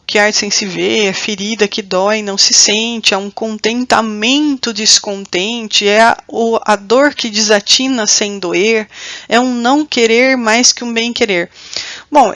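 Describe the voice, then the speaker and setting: A woman's voice: a little high, fairly bright tone, dry recording. Brazilian woman teacher explaining, dry sound. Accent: Brazilian Portuguese. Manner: explanatory, checks in with students often. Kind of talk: recorded online class.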